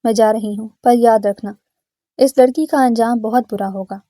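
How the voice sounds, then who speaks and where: A woman's voice: on the high side, fairly even intonation, dark tone, dry recording, studio quality, lightly acted. A woman voicing a jealous, scheming middle-aged aunt who speaks spitefully.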